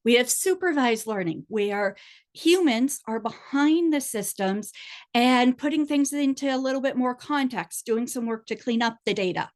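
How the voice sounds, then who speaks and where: A woman's voice: on the high side, lively intonation, moderate pace. A woman giving a conversational, explanatory webinar presentation, asking for the next slide as she goes.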